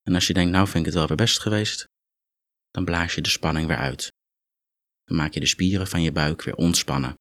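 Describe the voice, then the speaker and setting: A man guiding a muscle relaxation meditation, calm and instructive, gently coaxing the listener along. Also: deep voice, a little fast, no room sound. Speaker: relaxation exercise guide.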